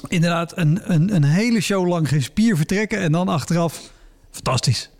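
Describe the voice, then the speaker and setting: A man's voice: high-pitched, moderate pace. A man hosting a podcast, asking a guest curious, probing questions in a casual chat. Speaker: podcast host.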